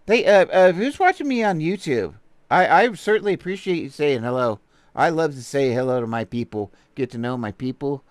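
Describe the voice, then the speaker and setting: A man's voice: fairly high pitch, expressive, normal speed, no room sound. A man with a Texan accent hosting a casual livestream, rambling playfully and greeting viewers while he browses. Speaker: livestream host.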